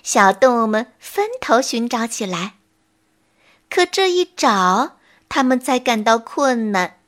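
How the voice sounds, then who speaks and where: Woman narrator for a children's bedtime story, high pitch, unhurried, tender. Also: animated. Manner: slow, soft and tender.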